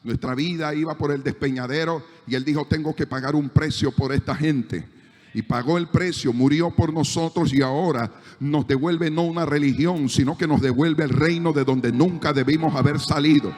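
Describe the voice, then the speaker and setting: A male pastor with a Panamanian Spanish accent preaches a sermon in a large church hall, his voice a little high and darkish at a normal speed. He builds emphasis as he goes and acts out the voices in his anecdotes.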